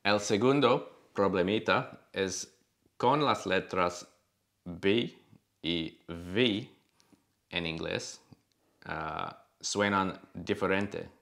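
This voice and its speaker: A man's voice: deep voice, extremely slow, creaky, a bit bright. A man patiently explaining pronunciation differences in a casual chat. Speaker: co-host correcting pronunciation.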